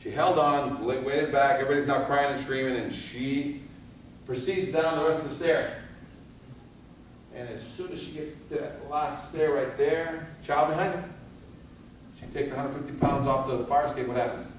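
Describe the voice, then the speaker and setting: A man's voice: mid-range voice, steady tone, moderate pace. Echoey man lecturing from a distance. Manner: asks the audience questions and answers them; acts out scenes in different voices. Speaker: fire safety instructor. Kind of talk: live training talk to firefighters. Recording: echoey, from far off, with some background noise.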